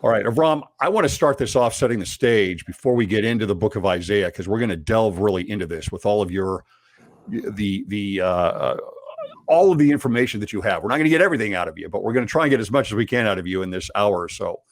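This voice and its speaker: Male interview host, low voice, enthusiastic, upbeat intros and questions. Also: lively intonation, fast talker. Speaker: podcast host. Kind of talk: interview hosting.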